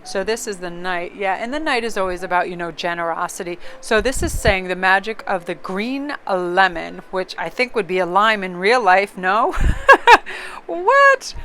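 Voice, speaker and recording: A woman's voice: mid-range voice, normal speed, a bit bright, a little hiss or hum. A woman casually reading tarot cards aloud, chatty and rambling, often breaking into laughter. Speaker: tarot card reader.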